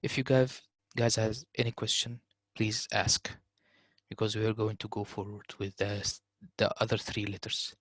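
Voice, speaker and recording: A man teaching a tajweed lesson, slowly repeating words to show correct pronunciation. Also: lowish voice, steady tone, a bit bright, no room sound. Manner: explains slowly, repeating words in Arabic recitation. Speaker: Quran recitation teacher.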